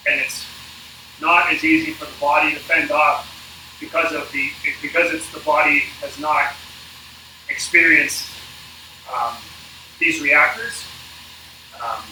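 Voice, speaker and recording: A man coaching an indoor cycling workout on a livestream, speaking casually and haltingly with a dry, informal manner. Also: a little high, steady tone, pushed and bright. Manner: halting, informal, dryly joking. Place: indoors in an apartment. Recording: echoey, distant mic, noisy room.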